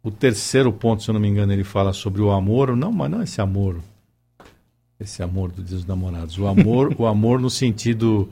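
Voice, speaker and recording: A man's voice: on the low side, fairly quick, warm tone. A man talking in a casual conversation, hesitant, with many fillers and restarts.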